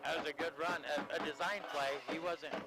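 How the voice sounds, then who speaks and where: A man calling a high school football game on the radio from outdoors, mixing play-by-play with joking, self-deprecating banter. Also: fairly even intonation, brisk, rough recording. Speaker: play-by-play announcer.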